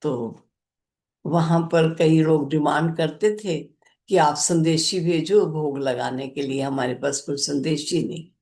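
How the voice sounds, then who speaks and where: An older woman gives a spiritual talk at an unhurried, drawn-out pace. Her low voice carries a gravelly edge. She tells a personal story gently, as a teacher to her listeners. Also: fairly even intonation. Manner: slow, gentle recounting of a personal experience.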